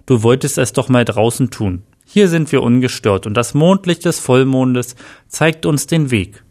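A man voicing a domineering male vampire-werewolf in a read-aloud story, his lines bossy and breathy. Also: mid-range voice, lively intonation, measured pace, darkish tone. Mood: commanding. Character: male vampire-werewolf lover, commanding, hungry.

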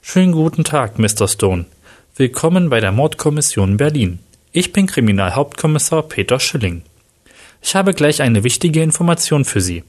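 A man's voice: fairly high pitch, darkish tone. A man reading the lines of a formal, businesslike police chief. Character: formal male police chief, middle-aged.

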